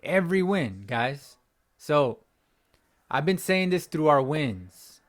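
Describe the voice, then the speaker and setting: A young man who runs a sports fan channel rants at home after a game, his fairly high, expressive voice cracking as he takes it slowly. Frustrated, he keeps repeating himself and rambling through this post-game reaction.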